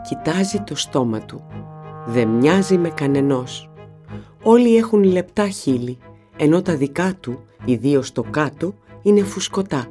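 Expressive audiobook narrator. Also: medium pitch. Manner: expressive, storytelling. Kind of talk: scripted narration of a children's novel.

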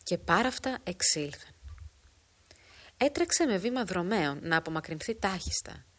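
A woman reading a literary story aloud, in a measured, formal storytelling manner. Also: lowish voice, sing-song. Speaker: narrator. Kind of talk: scripted narration of a literary story.

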